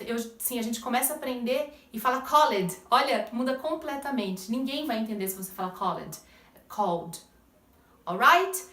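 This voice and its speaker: A woman's voice: high-pitched, a bit bright, roomy sound, recorded from a distance. A woman teaching English pronunciation in Portuguese, explaining step by step and checking in with the listener often. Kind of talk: pronunciation lesson.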